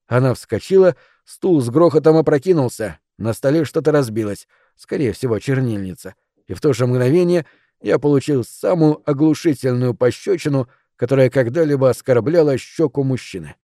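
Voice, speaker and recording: A man narrating a story in the first person, in measured, expressive audiobook style. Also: mid-range voice, no room sound, clean studio sound.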